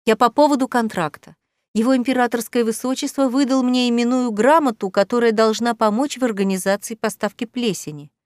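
Brief: confident, upbeat heroine, read by a woman, higher voice, dry close sound. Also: steady tone, a little fast, dry recording, natural voice. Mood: firm. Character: cheerful, self-assured young woman helper. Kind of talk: audiobook character reading.

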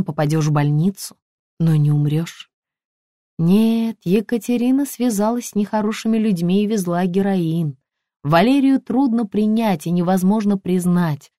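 A woman narrating a first-person detective novel in an even, measured reading. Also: mid-range voice, no room sound, clean studio sound. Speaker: audiobook narrator.

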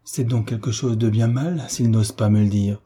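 A man with a husky voice voicing an anguished, proud young woman in an audiobook, speaking in a trembling, pleading way. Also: fairly low pitch, steady tone, moderate pace, warm tone. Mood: anxious. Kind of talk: audiobook character reading.

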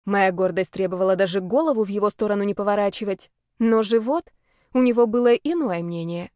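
Woman, audiobook narrator, lively expressive reading, mid-pitched voice, dry close recording. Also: a little fast, no room sound. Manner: lively, indignant and playful in character lines.

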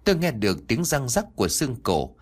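A man narrating a first-person ghost story in an animated, dramatic way. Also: medium pitch, a little fast, breathy edge.

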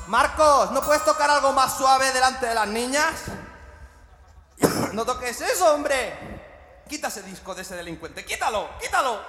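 A man's voice: very high-pitched, lively intonation, a little slow, bright, forceful tone, full character voice. A man voicing a wife who scolds her husband. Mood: scolding. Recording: echoey live hall with guitar.

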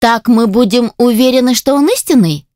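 A woman playing a male defense lawyer in a fantasy audiobook, indignant and quick to object. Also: on the high side, mellow, no room sound, studio quality, voice pushed up, close to an everyday voice. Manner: protesting, indignant.

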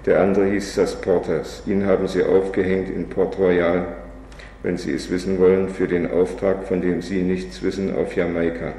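A man reading aloud as a blunt, unpolitical male sailor, in a flat, plain recitation. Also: low-pitched, moderate pace. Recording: echoey hall, faint background noise.

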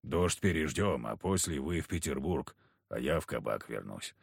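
A man voicing a gruff, sullen big village hunter who grumbles curtly. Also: a bass voice, lively intonation, normal speed, dry recording, clean studio sound, pitched below the performer's own voice, exaggerated voice. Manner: grumbling, curt.

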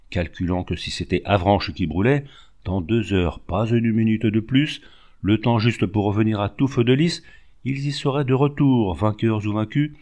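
Low-voiced man reading a novel aloud. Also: a little mellow. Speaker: audiobook reader. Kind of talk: literary audiobook narration.

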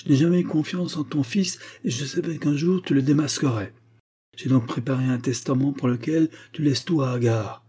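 A man's voice: medium pitch, moderate pace, warm tone, pitched above the performer's own voice, natural voice. A man voicing a sly, scheming lawyer with a sneering manner. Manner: smooth then sneering.

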